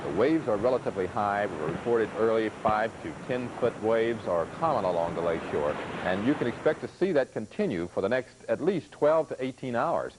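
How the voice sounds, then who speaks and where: A man's voice: fairly low pitch, lively intonation, brisk, hardly any pauses, background noise. A man giving a live local TV weather forecast in a chatty, loosely ad-libbed way. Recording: off-air 1980s TV tape.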